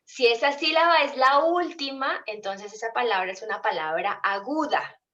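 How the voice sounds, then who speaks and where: A woman's voice: a little high, normal speed, bright, forceful tone, lo-fi sound. A woman teacher giving an online class, explaining patiently and often asking her students questions.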